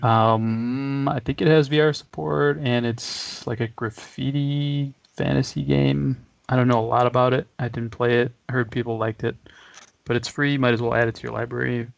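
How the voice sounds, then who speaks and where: A man's voice: mid-range voice, flat delivery, normal speed, creaky, dry recording. A man co-hosting a casual podcast, talking in a laid-back, rambling way and chuckling often. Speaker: podcast co-host. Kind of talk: casual chat.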